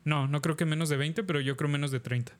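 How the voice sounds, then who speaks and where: A man's voice: on the high side, fast talker. A man with a Mexican accent, co-hosting a music podcast in casual, slangy chat full of fillers. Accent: Mexican Spanish. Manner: relaxed slangy talk, many fillers. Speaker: podcast co-host.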